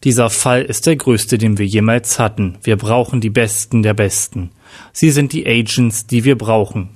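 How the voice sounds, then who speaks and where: A man's voice: fairly low pitch, normal speed, a little mellow, natural voice. A man voicing a mysterious official who formally and insistently recruits an agent by phone.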